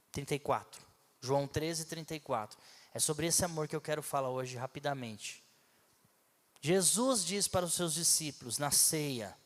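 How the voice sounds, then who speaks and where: A man with a slightly high voice delivers a sermon from a church pulpit, teaching conversationally with rhetorical questions and asides. The sound is that of a large church hall.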